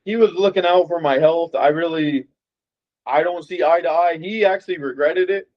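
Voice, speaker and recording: Speaking at a normal speed with a fairly high voice, a young boxer from Las Vegas, USA, chats casually in an interview. He's easygoing and wanders off with frequent fillers, and the recording sounds dull and lo-fi.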